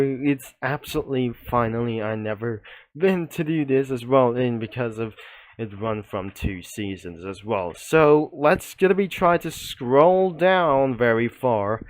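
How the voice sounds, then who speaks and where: A man with a medium-pitched voice rambles through unscripted video commentary, taking a roundabout route as he presents a comic studio. The audio quality is poor.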